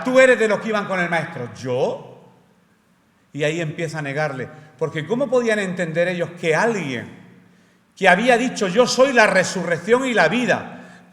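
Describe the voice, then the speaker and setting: Bright-voiced man preaching in a church. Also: a little high. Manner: explanatory, asks the congregation rhetorical questions. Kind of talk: sermon. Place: church hall. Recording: roomy church hall reverb.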